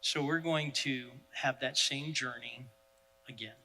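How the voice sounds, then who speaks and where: Male pastor, very bright voice, animated sermon storytelling, faint hum behind. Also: medium pitch, slow, big-room sound, poor audio. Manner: animated, self-deprecating storyteller.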